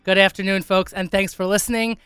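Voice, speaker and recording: A woman with an American accent hosts a casual radio show. Her voice is bright and close, though congested and hoarse, with a froggy, swallowed sound. She talks in a wry, self-deprecating way. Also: mid-range voice, little pitch movement, fairly quick, no echo, soft background music. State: congested, under the weather. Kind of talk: casual chatty radio monologue.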